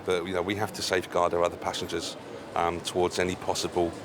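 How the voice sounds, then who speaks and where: A man's voice: sits low, completely flat delivery, fast talker, noisy background. A male airline staff member being interviewed, using hesitant, official-sounding phrasing.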